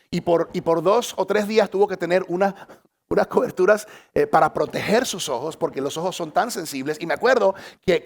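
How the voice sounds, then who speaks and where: A male pastor preaching a sermon to a church congregation, lively and humorous, repeating phrases for emphasis. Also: sits high, vocal fry. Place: church stage.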